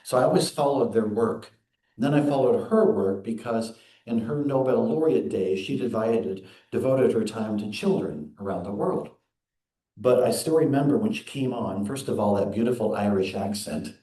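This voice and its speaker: A man minister giving an earnest, measured sermon in a church. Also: fairly low pitch, dark tone. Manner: earnest, measured preaching with quoted readings. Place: church sanctuary. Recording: echoey sanctuary.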